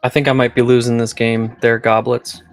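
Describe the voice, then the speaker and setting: A man's voice: medium pitch, little pitch movement, normal speed, dry recording, faint music behind. Chatty teasing guy on voice chat. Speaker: streamer playing chess on voice chat. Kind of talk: casual voice-chat banter.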